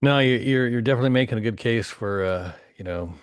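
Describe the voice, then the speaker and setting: A man's voice: mid-range voice, fast talker, smooth, no echo, clean studio sound. A man hosting a podcast, friendly and upbeat as he wraps up the interview. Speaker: podcast host.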